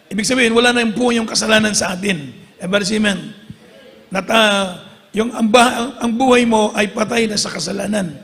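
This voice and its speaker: High-voiced gravelly preacher. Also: male voice, a little fast, a bit bright. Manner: rousing, calls for amens and applause. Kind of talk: sermon. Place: church hall. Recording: reverberant church hall.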